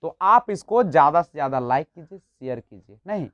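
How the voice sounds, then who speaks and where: A man's voice: on the high side, animated, brisk, a bit bright, no room sound. A man teaching an exam-prep lesson, explaining step by step and posing rhetorical questions to his students. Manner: explanatory, rhetorical questions, frequent tag "nahin". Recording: dull lo-fi, dry.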